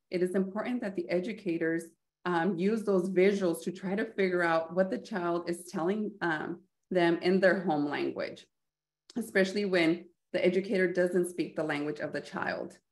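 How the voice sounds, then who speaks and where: A woman leads an instructional webinar for educators, speaking in a fairly low voice. Her explanations are measured and clear, dotted with the odd filler um. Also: darkish tone.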